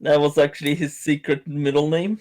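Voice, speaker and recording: A man's voice: fairly high pitch, level tone, a little mellow. A man playing a tabletop game, speaking for a simple-minded character. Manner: slow, playing a dim-witted character. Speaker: player. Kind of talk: casual tabletop role-play.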